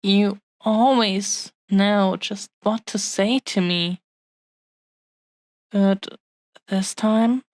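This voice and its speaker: A woman with a medium-pitched voice plays a tender yet possessive dragon-blooded fiancée in an intimate romantic audio roleplay. She speaks haltingly, with lingering, breathy pauses, and the recording has no room sound.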